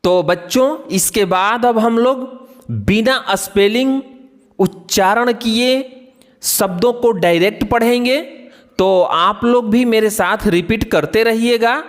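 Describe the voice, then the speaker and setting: A man's voice: high voice, slow pace. A man teaching children to pronounce English words, spelling each one out letter by letter. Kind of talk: phonics lesson for children. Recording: long hall reverb.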